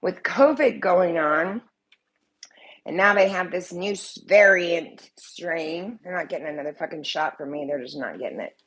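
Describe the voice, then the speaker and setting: Her lowish voice is a bit bright and breathy, moving at normal speed. She's a soap-making vlogger with a slight cold, casually talking to the camera at home, living room visible, rambling and cursing freely.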